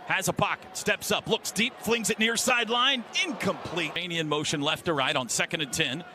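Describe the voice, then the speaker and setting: A man with an American accent calls football play-by-play on the radio from a stadium broadcast booth, using clipped short phrases. His voice is high and his pace fairly quick. The live radio sportscast carries faint noise.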